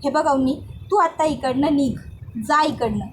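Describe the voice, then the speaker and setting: A woman's voice: high-pitched, a little slow, slight background noise. Woman doing a harsh, angry mother. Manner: harsh, dismissive. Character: angry mother throwing her daughter out.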